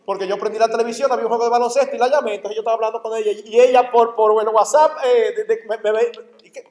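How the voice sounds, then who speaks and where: A pastor preaching at a church conference, speaking in a conversational way and acting out little dialogues. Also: male voice, extremely high pitch, steady tone, racing, darkish tone. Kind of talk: conference sermon. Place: church sanctuary. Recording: echoey church hall.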